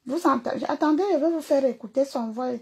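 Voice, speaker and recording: Woman, singer, angry rant, insulting, repetitive, high voice. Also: fast. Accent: Cameroonian. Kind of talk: angry social media rant.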